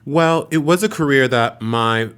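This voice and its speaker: A man's voice: medium pitch, unhurried, fairly bright tone, smooth. A man from Haiti, raised in New York, talking as a guest in an interview, playful and chuckling. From Haiti, raised in Queens, New York. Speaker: fashion designer, guest.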